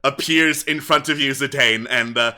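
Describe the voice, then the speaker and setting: A man narrating as game master of a tabletop game, often pausing with fillers and breaking into laughter. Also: mid-range voice, sharp tone. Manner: hesitant, filler-heavy narration with bursts of laughter.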